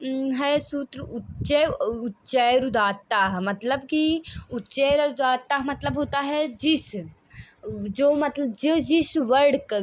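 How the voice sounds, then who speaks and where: A woman's voice: on the high side, fairly bright tone, dry recording. A woman teaching Sanskrit grammar, reading out rules and then explaining them, drawing out vowel sounds to show their length.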